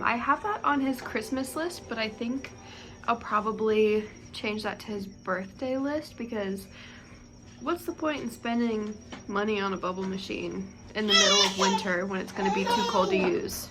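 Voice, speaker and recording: A woman's voice: mid-range voice, normal speed, a bit bright, poor audio. A young woman, a stay-at-home mom, chatting casually through her day's chores in a home vlog. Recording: music playing under the voice.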